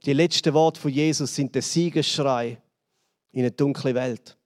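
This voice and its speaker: A man with a Swiss German accent preaching a sermon, building dramatically and then dropping to hushed lines. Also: steady tone, normal speed, long reverb tail. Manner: dramatic, swells and drops in pitch and volume. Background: band playing softly.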